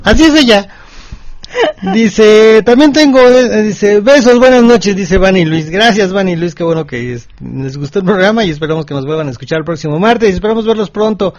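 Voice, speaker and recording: Brief: male co-host, teasing, high lively voice. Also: a little fast, highs cut off. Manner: teasing, laughing, reads listener messages. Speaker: radio show co-host. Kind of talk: casual late-night radio chat.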